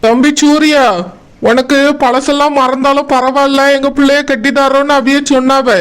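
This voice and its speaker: A man voicing a patient elder brother in a cartoon, with a Kanyakumari Tamil accent and a slow, soothing way of explaining. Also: very high voice, little pitch movement, a bit bright. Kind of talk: cartoon voice acting.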